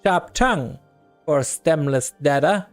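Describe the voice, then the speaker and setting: A man's voice: on the high side, animated, measured pace, faint music behind. A man voicing a snide wisecracking skull. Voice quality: snide, mocking.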